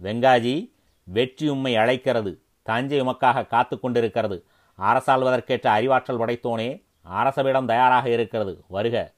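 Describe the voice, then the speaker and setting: A man voicing a flattering treacherous courtier. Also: mid-range voice, measured pace, natural voice. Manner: flattering, persuasive. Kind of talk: dramatic story reading.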